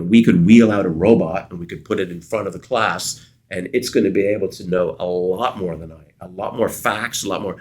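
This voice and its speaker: A man's voice: sits low, breathy edge. A middle-aged man from Canada, a consultant guest in an interview, telling stories and acting out the dialogue in them. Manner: animated storyteller, acts out quoted dialogue. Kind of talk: storytelling interview answers.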